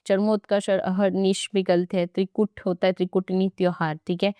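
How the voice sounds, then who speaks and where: A woman's voice: mid-range voice, flat delivery, fairly quick, dark tone, clean tone, no room sound, studio quality. A young woman teaching an exam-prep grammar lesson, chatty and playful, with asides to her students.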